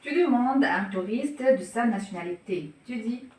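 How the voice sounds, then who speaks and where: A woman's voice: on the high side, animated, normal speed, a little mellow. A woman reading scripted questions and answers in a French lesson dialogue. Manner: asks scripted questions plainly. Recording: echoey room, voice from a distance.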